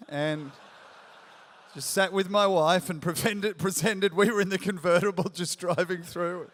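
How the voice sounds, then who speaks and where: A man in his forties preaching to a large church crowd, his voice pitched high and bright. He tells his story with self-mocking humor and builds up to punchy questions. The sound rings out with a long hall reverb. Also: steady tone, unhurried. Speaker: pastor. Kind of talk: sermon.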